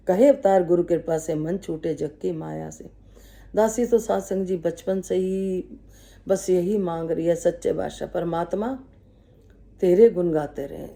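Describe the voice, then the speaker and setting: A woman's voice: lowish voice, gravelly, dark tone. A woman giving a spiritual testimony talk, humbly telling her own story to devotees with quoted dialogue. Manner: humble, calls herself the servant and addresses listeners respectfully. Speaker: devotional speaker.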